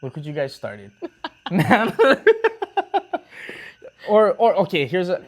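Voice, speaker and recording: A man co-hosting a relaxed talk show with his partner, rambling casually with restarts and easygoing slang. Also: high voice, slow pace. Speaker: co-host of a couple's talk show. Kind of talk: casual chat.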